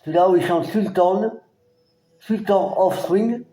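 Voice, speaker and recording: A man from France casually presenting his record collection, halting and hesitant, with many fillers. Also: high-pitched, dark tone, roomy sound. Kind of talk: casual collection show-and-tell.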